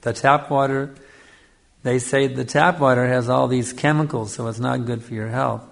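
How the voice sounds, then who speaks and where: In a creaky, medium-pitched voice with a steady tone and moderate pace, a man gives a spiritual discourse on scripture, Hare Krishna style. He teaches didactically, leaning on repeated phrases and checking in with those listening.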